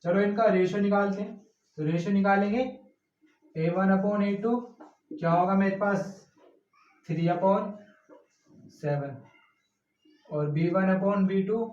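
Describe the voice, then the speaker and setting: A man's voice: high-pitched, darkish tone. A male teacher explaining a math lesson step by step, asking and answering his own questions as he works through it. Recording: roomy, distant, muffled classroom recording.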